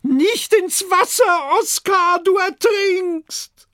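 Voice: very high voice, very slow, a bit bright, no room sound, studio quality, pitched above the performer's own voice, heavily acted. A storyteller voicing Adele, an anxious, overprotective mother dragon, crying out shrilly in a children's audiobook. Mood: panicked, amazed.

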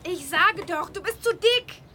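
A very high boyish voice plays a clever little boy over a noisy backdrop. He is practical, urging and slightly know-it-all, in children's radio-play style. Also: animated, unhurried. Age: child character. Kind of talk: children's audio drama.

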